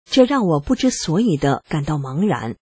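A reader calmly and earnestly narrating a personal account in the first person, with a husky voice. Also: mid-range voice, moderate pace, no room sound. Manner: calm, earnest reading.

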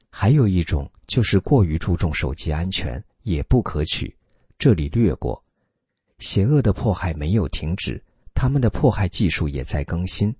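A man's voice: low-pitched, mellow, slightly rough, no room sound. A man reading a scripted commentary in an earnest, admonishing tone, full of rhetorical questions.

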